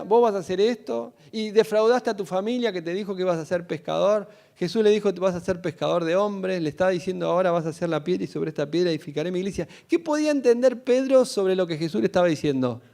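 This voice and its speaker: Argentine pastor preaching with lively energy. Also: male voice, high-pitched, gravelly. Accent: Rioplatense Spanish. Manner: animated, storytelling, calls congregation to repeat. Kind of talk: sermon.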